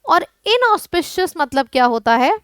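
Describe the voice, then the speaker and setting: High-voiced woman teaching vocabulary. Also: sing-song, normal speed, no echo, studio quality. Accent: Indian English. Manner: explains word lists, with questions to the viewers. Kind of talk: exam-prep vocabulary lesson.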